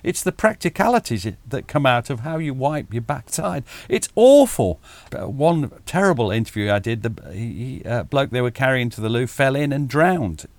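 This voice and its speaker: A middle-aged man, a military historian talking as a guest over a video call, animated and self-deprecating, chuckling often and restarting his sentences. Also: medium pitch, normal speed, hardly any pauses, dry recording.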